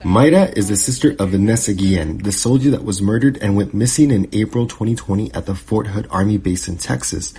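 A man with a low voice reads scripted narration in a grave, steady way. His tone is dark and very husky. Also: fairly quick, hardly any pauses.

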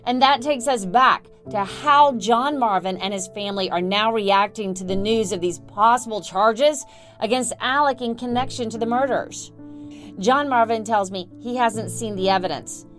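A woman hosting a news podcast, reading scripted investigative narration as a reporter. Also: medium pitch. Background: music.

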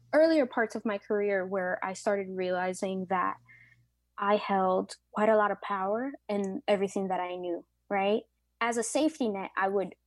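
In a medium-pitched voice recorded without echo, a woman in her late twenties talks about her work as a pastry chef during an interview. She's thoughtful and sincere, with plenty of filler words.

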